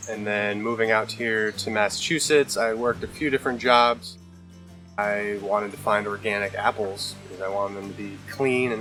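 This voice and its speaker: A man who works on a farm, talking casually and easily in a documentary interview. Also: fairly low pitch. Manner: relaxed and casual. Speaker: farm worker.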